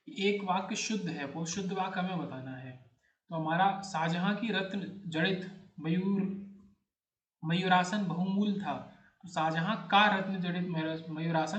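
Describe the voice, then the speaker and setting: Guy teaching exam grammar, talks high, goes over each answer step by step, echoey room. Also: fairly bright tone, dull audio. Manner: explains step by step, repeats words as he checks them. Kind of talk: exam-prep grammar lecture.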